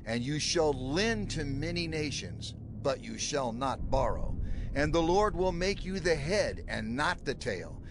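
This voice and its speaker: A man's voice: on the high side, lively intonation, measured pace. A man voicing Moses, a stern old prophet. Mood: solemn. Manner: grave, declaiming, rhythmic cadence. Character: aged male prophet warning his people, solemn and stern. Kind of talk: dramatized scripture reading. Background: music underscore.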